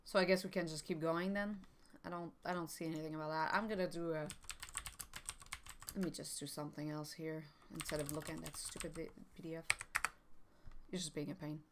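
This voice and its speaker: A woman's voice: deep voice, level tone, fairly quick, long pauses, a little hiss or hum. A woman chatting casually while she and a partner learn a board game on stream, thinking aloud with fillers and laughs.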